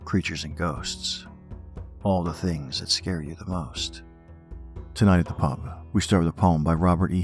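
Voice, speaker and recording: A man's voice: low voice, dark tone. A man narrating as a horror host, scripted and playfully macabre, teasing the listener. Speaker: host of a horror storytelling podcast. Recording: music under the voice.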